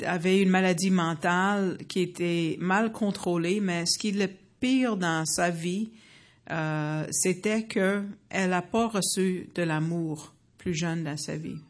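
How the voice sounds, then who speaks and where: An American woman in her fifties with a lowish voice shares a personal faith testimony with an audience. She speaks earnestly but haltingly, with many fillers and restarts.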